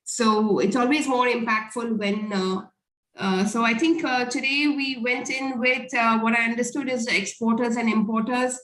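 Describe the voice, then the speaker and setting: A woman hosting an online business networking meeting, moderating and coaching the speakers in a brisk, directive way. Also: on the high side, steady tone, a bit bright, echoey room, poor audio. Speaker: host of a business networking call.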